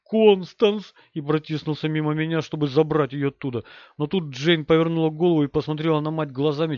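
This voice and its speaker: A man narrating a horror story in a measured, steady manner. His voice sits a little high for a man. The recording is dry and close, with a dull, lo-fi tone. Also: no echo. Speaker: audiobook narrator. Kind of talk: dramatic horror audiobook narration.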